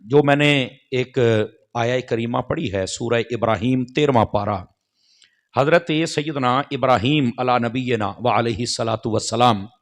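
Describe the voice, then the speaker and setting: A man's voice: mid-range voice, a little slow. A man preaching a sermon in a mosque, speaking straight to the gathering and checking that they follow. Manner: addresses the crowd directly, often checking they follow.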